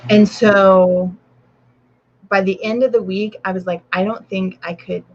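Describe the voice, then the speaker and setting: A woman's voice: mid-range voice, steady tone, a little slow, a little mellow, muffled recording, slight background noise. A woman author hosting a casual writing stream from home, chatting and rambling with restarts and talking to her dog. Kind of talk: casual chat.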